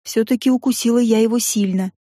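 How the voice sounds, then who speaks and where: Wry, expressive woman audiobook narrator. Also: fairly high pitch, quick pace, no echo, studio quality. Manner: lively, wry, ironic.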